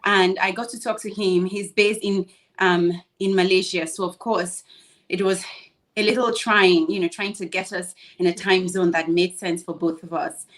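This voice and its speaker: A woman co-hosting an online panel, speaking in a measured, thoughtful way with occasional "um" and "you know", over a video call. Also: fairly low pitch, steady tone, a bit bright. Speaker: co-host. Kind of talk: casual introduction on an online panel.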